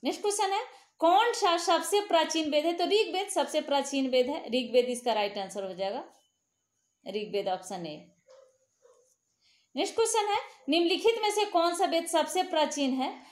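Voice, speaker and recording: A woman's voice: high voice, normal speed, reverberant. A woman tutor reading exam questions aloud and answering them, with hesitant fillers and self-corrections, her voice lifting sharply on each new question. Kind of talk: exam quiz walkthrough.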